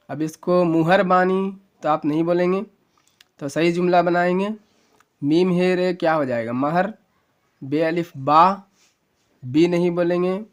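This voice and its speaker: A man's voice: a little high, clear, resonant tone. A man teaching in a casual video lesson, patiently spelling words out letter by letter and asking and answering his own questions. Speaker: Urdu teacher.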